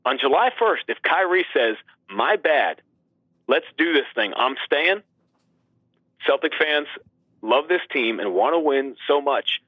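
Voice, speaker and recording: Here a man who works as a sports announcer guests on a basketball discussion, animated and emphatic, often posing rhetorical questions. His pitch is medium and his pace measured. The audio has a flat, radio-like quality and no room sound.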